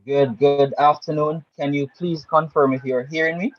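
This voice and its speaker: A man's voice: on the high side, fairly even intonation, normal speed. A man giving a formal, wordy self-introduction as a panelist. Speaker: panelist, guidance counselor. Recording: dry, dull online call.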